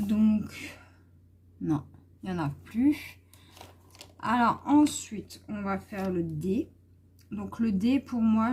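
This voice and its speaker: A woman's voice: mid-range voice, warm tone, husky. A woman vlogger chatting casually and hesitantly while she colors, with many fillers. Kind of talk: casual coloring vlog chat.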